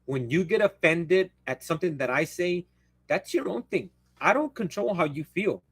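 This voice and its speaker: A high-pitched, husky, fairly bright male voice comes through a dry recording at normal speed, expressive and animated. He's a Spanish-speaking livestream host whose casual chat is blunt, rambling and self-interrupting, with a close sound.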